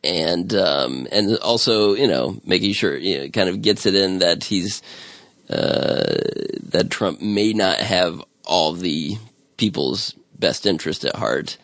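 A man with a very deep, gravelly voice chats casually as a podcast host. His pitch swings widely as he rambles and restarts in an amused way. The sound is dry and close. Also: expressive, slow pace, a bit bright, no room sound. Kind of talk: casual chat.

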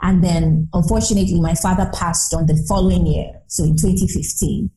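Her voice fairly low, steady, and mellow, a woman in her thirties speaks a little fast as an interview guest. She is reflective and emphatic, leaning on repetition to build her points. The sound is roomy, with noticeable echo.

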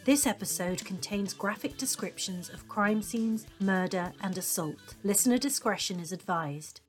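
A woman's voice: medium pitch, moderate pace. Woman true crime narrator over music. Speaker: podcast host.

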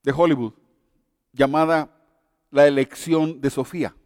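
High-voiced man preaching a sermon. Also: steady tone, darkish tone, no room sound, studio quality, in a large hall. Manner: retells a story with emphatic pauses and repetition; stammers and restarts often.

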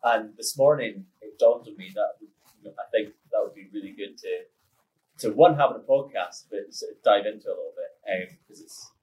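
A man's voice: on the low side, moderate pace, mellow, highs cut off. A man hosting a podcast, chatting casually, laughing often and restarting his sentences. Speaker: podcast host. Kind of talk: casual interview chat.

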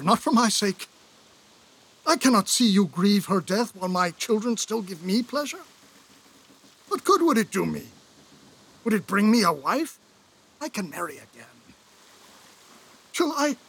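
An actor playing a remorseful royal brother in an earnest, pleading stage delivery for an audio drama. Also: male voice, high voice, very animated, a little slow, pauses often, fairly bright tone, breathy edge, exaggerated voice.

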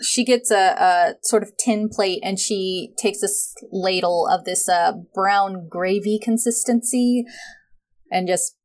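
A woman running a tabletop game, describing scenes in a casual, unhurried way. She often pauses with fillers as she sets each scene. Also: mid-range voice. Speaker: game master.

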